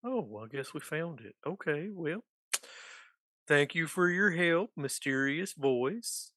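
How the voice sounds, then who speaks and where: Male player, folksy drawl, slow and animated. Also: fairly high pitch, no echo. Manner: folksy drawl with rural grammar. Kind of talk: folksy in-character banter.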